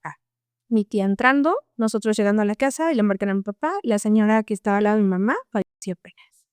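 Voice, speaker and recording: A woman's voice: mid-range voice, fast talker, clear, resonant tone, no room sound. A young woman guest telling a personal story in an earnest, casual way, often tagging her lines with a questioning "no?". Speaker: podcast guest.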